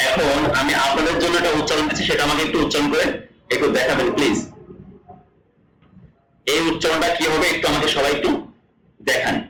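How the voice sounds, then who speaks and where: A man with a Bangladeshi Bengali accent teaching online, repeating each example word slowly and asking himself questions. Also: a little high, sharp tone, recorded from a distance. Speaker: Korean language teacher. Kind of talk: explaining lesson to online students. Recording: echoey room, voice a bit off-mic.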